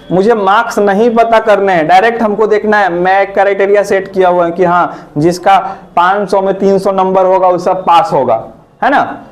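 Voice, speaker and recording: A man teaches a computer class in a classroom. He talks in a chatty way, teases his students, and keeps turning questions back to them. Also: high-pitched. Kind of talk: live classroom lesson.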